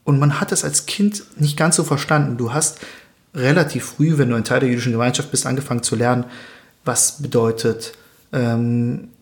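A young man from Germany, speaking as an interview guest in a thoughtful, measured way with occasional hesitations. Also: mid-range voice. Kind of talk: earnest interview conversation.

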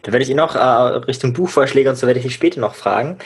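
A man's voice: mid-range voice, quick pace, slightly rough. A man interviewing a guest in a casual way, with many hesitations and long rambling questions. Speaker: interviewer, podcast host.

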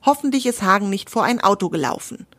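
A woman's voice: sits high, normal speed, voice pushed up. A woman voicing a female wild boar who calls out eagerly to her friend in a storybook tale. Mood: worried. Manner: excited, calling out.

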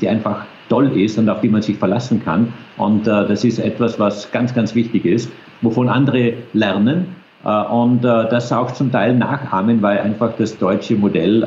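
A man's voice: fairly low pitch, a little mellow. A man with an Austrian accent answering interview questions over a video call, hesitant with many fillers. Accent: Austrian German. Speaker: interview guest, space agency official. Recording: roomy, dull video call audio with faint noise.

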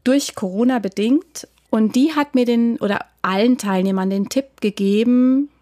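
A woman's voice: a little high, normal speed, warm tone, dry recording, clean studio sound. A woman songwriter answering interview questions, explaining her craft thoughtfully and at length with examples. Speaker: songwriter and singer.

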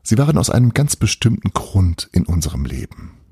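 A man reading a storybook, voicing a cheeky, playful boy who guides with breezy teasing and calm reassurance. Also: lowish voice, brisk, husky, no echo, studio quality, exaggerated voice.

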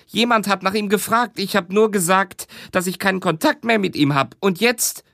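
A man's voice: high voice, normal speed, gravelly, pushed and bright, dry recording, clean studio sound, voice pushed up, exaggerated voice. A man reading an audiobook, voicing a frightened woman who fears she spoke to a killer. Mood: anxious. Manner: anxious, pleading. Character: distressed woman witness fearing guilt.

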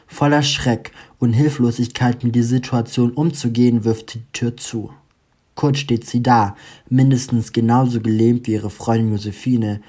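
A man narrating a story with an expressive reading. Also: medium pitch, moderate pace, husky.

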